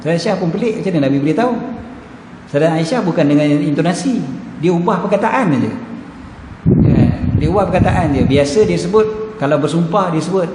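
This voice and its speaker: A man's voice: on the high side, animated, fast talker, background noise. A man with a Malaysian accent giving a mosque lecture as a religious teacher, joking and acting out the voices he quotes. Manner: humorous, acts out quoted voices. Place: mosque hall. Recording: echoey hall, background ambience.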